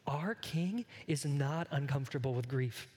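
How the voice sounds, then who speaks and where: A pastor's slightly high, darkish voice carries an animated energy at a measured pace, echoing with big-room sound. His sermon is earnest and conversational, frequently directed right at the congregation.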